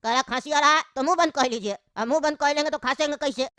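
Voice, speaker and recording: A woman's voice: sits high, fast, bright, forceful tone, dry recording, clean studio sound. A woman voicing a sick old father in a cartoon, grumbling and coughing between complaints. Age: older. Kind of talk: cartoon voice acting.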